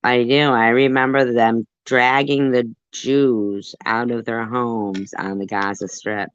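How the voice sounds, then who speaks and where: On dull, dry lo-fi audio with no echo, a commentary channel host talks slowly in a smooth, rumbling low voice with fairly even intonation. Her livestream commentary comes across as defensive and rambling, packed with fillers.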